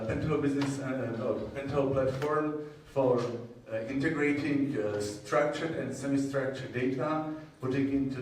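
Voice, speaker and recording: A man with a Czech accent presents technical material at a conference, heard from a distance in a very echoey room. He talks slowly and hesitantly at a medium pitch, breaking his phrases with many pauses. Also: a little mellow. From Czech Republic. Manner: hesitant, halting delivery with frequent long pauses. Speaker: conference presenter, university groundwater modeler. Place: indoor presentation room with strong echo. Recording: echoey hall, distant mic, faint noise.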